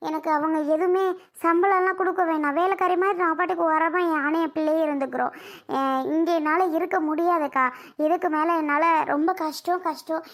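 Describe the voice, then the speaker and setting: A woman's voice: very high voice, steady tone, fairly quick. A woman playing a young mother begging to go home. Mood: pleading. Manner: pleading, insistent, worried. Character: anxious young mother pleading to return to her child. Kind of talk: amateur family drama skit.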